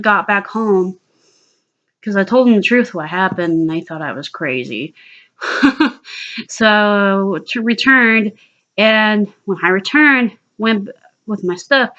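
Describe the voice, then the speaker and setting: A woman's voice: mid-range voice, a bit bright, muffled recording. A woman vlogger telling a personal story in a casual, rambling way, swearing freely and restarting her sentences.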